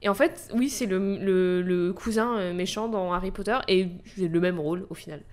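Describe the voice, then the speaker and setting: A woman's voice: on the low side, normal speed, darkish tone. A woman hosting a podcast in casual chat, enthusiastic and swearing freely. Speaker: podcast host.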